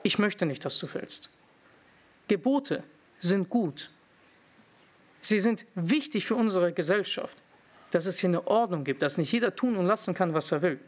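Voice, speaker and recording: A man's voice: sits high, expressive, moderate pace. A young man preaching a sermon, asking the congregation questions and teasing them with irony.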